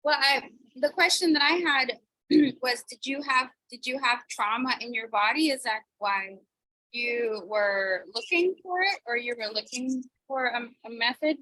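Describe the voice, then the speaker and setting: A woman's voice: on the high side, unhurried, bright, forceful tone, low-quality recording. A woman podcast host asking her guest a question, with hesitant restarts. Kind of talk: interview question.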